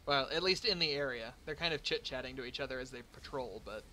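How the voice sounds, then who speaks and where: Game master, male, very bright tone, playful with puns. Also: medium pitch, quick pace, a little hiss or hum. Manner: playful, punning, laughs often. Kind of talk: running a tabletop game.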